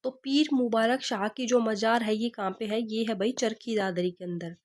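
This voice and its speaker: A woman's voice: on the high side, steady tone, normal speed. A woman teacher gives an exam-prep lesson, repeating each question and answer and teaching memory tricks. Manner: repeats questions and answers, asks rhetorical "kya hai?".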